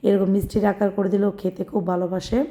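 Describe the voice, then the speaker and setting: A young woman from Bangladesh with a hoarse voice, narrating her daily home cooking vlog in a homely, chatty way and explaining each step. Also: medium pitch, flat delivery, quick pace, mellow.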